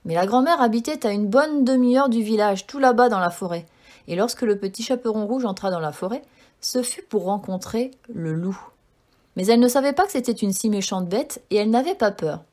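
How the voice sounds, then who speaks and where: A woman reading a fairy tale aloud as a storyteller, in a clear, gentle narrating style. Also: a little high, lively intonation, a little fast.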